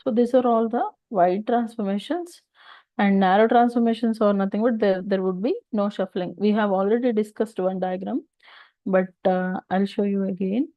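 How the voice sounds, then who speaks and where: Casting: female instructor, South Indian accent, mid-pitched, explains step by step with rhetorical questions, dry muffled online-class sound. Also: normal speed, no echo. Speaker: data engineering instructor. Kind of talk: informal technical lesson.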